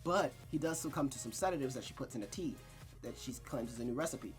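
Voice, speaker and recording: Over faint music, a man streaming a visual novel speaks in an expressive mid-range voice at a quick pace. His talk mixes narrated reading with slangy, exclamatory, profane recap chat that leans on emphatic repetition.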